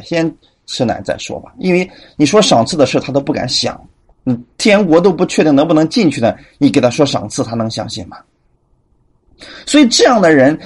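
A male preacher delivers a sermon with a slightly husky voice. His pitch swings widely as he teaches, and he keeps a fairly high register. He acts out the people he quotes as he goes.

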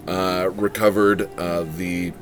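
A podcast co-host talks slowly in a low voice with little pitch movement, rambling casually with crude jokes and lots of fillers. The podcast is recorded in a restaurant, with music behind.

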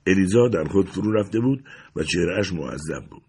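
A man narrating a story for an audiobook with expressive storytelling. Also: low voice, breathy edge.

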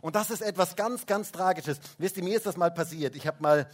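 A man's voice: high voice, fairly quick. A man preaching a Christmas sermon in a church service, chatting with the children and often tagging questions with "hä?". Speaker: pastor. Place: church service, also livestreamed.

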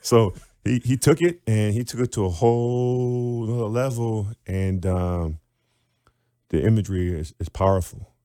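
Male teacher-author guest, animated explainer, low warm voice, dry close sound. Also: measured pace, dry recording. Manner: animated, demonstrates sounds aloud.

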